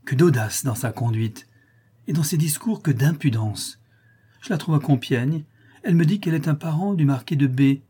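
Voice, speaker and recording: A man's voice: mid-range voice, normal speed, dark tone, husky, natural voice. A man reading aloud, voicing a jealous, furious young countess with an imperious, scolding manner. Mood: accusing.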